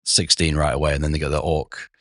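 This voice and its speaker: A man with a sore throat and a rough, hoarse voice, rambling casually as a podcast co-host. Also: extremely low pitch, little pitch movement, quick pace, a bit bright, no echo, studio quality. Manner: rambling, with frequent restarts and "like". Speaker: podcast co-host, game master. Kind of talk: casual chat.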